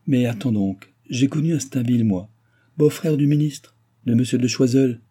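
A man's voice: medium pitch, normal speed, dark tone, slightly rough, pitched above the performer's own voice, close to an everyday voice. A man voicing a proud, scornful elderly baron who hurries his son along with blustering urgings. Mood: insistent.

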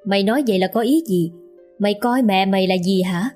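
A woman's voice: medium pitch, brisk, a little mellow, soft background music, lightly acted. A woman voicing an anxious, clingy middle-aged mother who pleads with her son. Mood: complaining. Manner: pleading and stammering.

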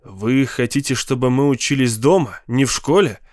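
A man's voice: mid-range voice, moderate pace, darkish tone, dry recording, studio quality, close to an everyday voice. A man reading a sullen teenage brother. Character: gloomy, withdrawn teenage older brother.

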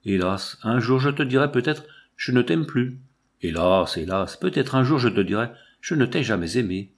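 A man's voice: mid-range voice, expressive, moderate pace. A man reading the part of an anguished woman who laments aging and death, in a mournful, impassioned recitation.

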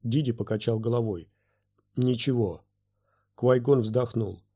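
Guy narrating an audiobook, mellow warm voice, even steady reading. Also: medium pitch, brisk, slightly rough.

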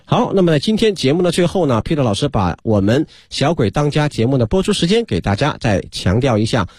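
A male radio host reading a brisk, informative sign-off announcement for a children's program. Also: mid-range voice, very animated, darkish tone. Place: radio studio.

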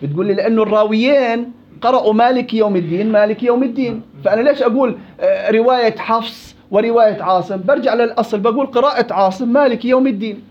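Male recitation teacher; high-pitched and quizzing, on a muffled lo-fi recording. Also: quick pace. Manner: questioning, explains with examples and quoted verses. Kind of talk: classroom lesson with questions to students. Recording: dull lo-fi classroom recording.

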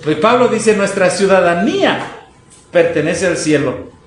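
A preacher with a high-pitched voice and lively intonation speaks a little slowly as he delivers a fervent sermon to his congregation. He exhorts them with rhetorical questions, reading out quotations and commenting on each. The room is echoey, with noise in the background.

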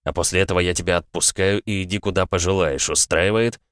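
A man voicing a calm older aristocrat father in an audiobook, measured and coldly matter-of-fact. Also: sits low, clear, resonant tone, no echo, studio quality. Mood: explaining. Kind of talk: audiobook character voice.

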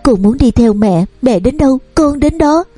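A woman's voice: on the high side, expressive, moderate pace, warm tone, breathy edge, faint music behind. A woman voicing a desperate young peasant girl who pleads through tears in a storybook reading. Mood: grief-stricken. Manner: sobbing, begging.

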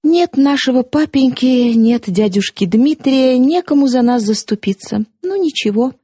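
A fierce, defiant young woman with a sharp, mocking edge, as a woman narrator puts her on. Her voice sits higher and pushes louder than the reader's own, dry and close. She bursts out in hot, scornful outbursts. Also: expressive, measured pace, breathy edge, no room sound, heavily acted.

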